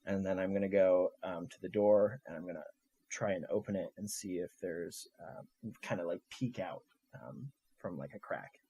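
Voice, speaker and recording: Male player, lowish voice, hesitant and halting, casual game talk. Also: mellow, slightly rough. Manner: hesitant, full of ums and restarts. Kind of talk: casual tabletop game play.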